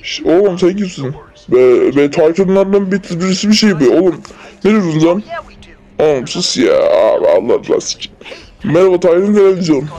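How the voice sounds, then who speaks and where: A man's voice: sits high, lively intonation, normal speed, mellow, highs cut off. Rowdy young man fan-dubbing a cartoon. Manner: rowdy, exclaiming, swearing casually. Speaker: fan dub voice actor. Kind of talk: amateur comedic fan dub.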